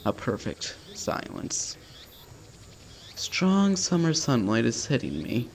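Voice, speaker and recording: Slow and gravelly, this mid-range male voice swoops wildly in pitch as he narrates a visual novel let's play. The streamer reads the text aloud in a casual, slangy, offhand style, over slight background noise.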